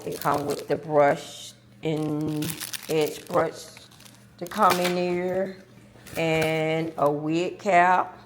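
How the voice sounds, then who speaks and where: Chatty grandmother vlogging, relaxed and low. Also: slight background noise. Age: 50s. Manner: chatty, folksy, talks while eating cake. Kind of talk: casual chat.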